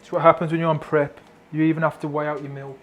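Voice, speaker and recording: A man's voice: on the high side, level tone, fast talker, a little hiss or hum. A man, a fitness coach, chatting casually and self-deprecatingly in a vlog.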